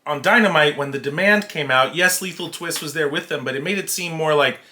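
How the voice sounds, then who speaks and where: A man's voice: a little high, fairly quick, pushed and bright. A man co-hosting a wrestling podcast, talking through a match in an easygoing, hesitant way with plenty of uhs. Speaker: podcast co-host. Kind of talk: casual wrestling recap chat.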